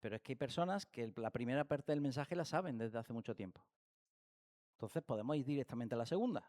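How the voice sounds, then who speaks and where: A man's voice: medium pitch, expressive, fast, darkish tone. A man with a Spanish accent from Spain giving a church Bible study lesson, asking rhetorical questions and acting out everyday examples. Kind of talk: church teaching talk. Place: church hall.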